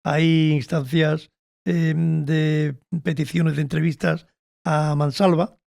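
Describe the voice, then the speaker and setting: A man, a biographer, speaking as an interview guest in an earnest, measured way and often agreeing. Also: on the high side, flat delivery, creaky, darkish tone, no room sound, clean studio sound. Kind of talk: casual conversational interview.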